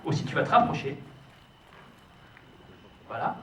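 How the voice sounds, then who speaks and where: A man's voice: unhurried, sharp tone. A man doing live kids' party magician patter, a playful, teasing showman coaxing children and their families. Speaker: stage magician hosting a children's magic show. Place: show venue with a stage and live audience. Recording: echoey hall, distant mic, noisy audience.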